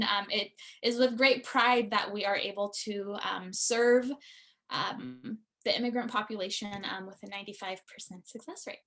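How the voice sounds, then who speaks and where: A woman's voice: fairly high pitch, bright, forceful tone. A woman immigration attorney presenting a webinar in an earnest, friendly way, with frequent "um" fillers. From born in Iraq, raised in the United States.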